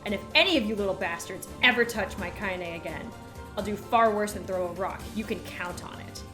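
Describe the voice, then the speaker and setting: A woman playing a gruff, vulgar old grandmother. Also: mid-range voice, expressive, moderate pace, over music, natural voice. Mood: threatening. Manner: gruff and blunt.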